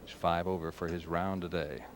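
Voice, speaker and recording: A man's voice: low-pitched, flat delivery, moderate pace. A man giving understated golf commentary in brief, spaced phrases on an old outdoor television broadcast. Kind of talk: live golf tournament commentary. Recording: noisy 1970s outdoor TV broadcast.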